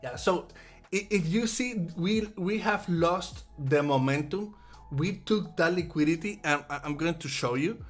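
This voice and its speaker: A man's voice: a little high, measured pace, soft background music. Casual Puerto Rican man talking trades. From Puerto Rico. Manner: casual, repeats words often while thinking aloud. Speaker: trader hosting a live trading stream. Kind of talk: live trading commentary.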